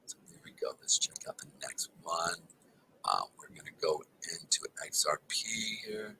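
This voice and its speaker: A man's voice: deep voice, huge pitch swings, moderate pace, gravelly, pushed and bright, a little hiss or hum, poor audio. A man giving live market chart commentary in a casual, filler-heavy way, calling his viewers guys, tired and with a sore throat. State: tired and exhausted; throat not feeling well. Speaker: crypto charting analyst.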